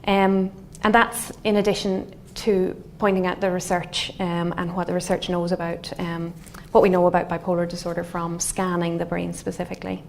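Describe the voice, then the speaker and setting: A middle-aged woman from Galway with a west of Ireland accent, a scientist giving an explanatory lecture in a thoughtful, halting, semi-conversational way. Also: fairly low pitch, creaky. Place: indoor wood-panelled lecture room. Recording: faint steady room noise.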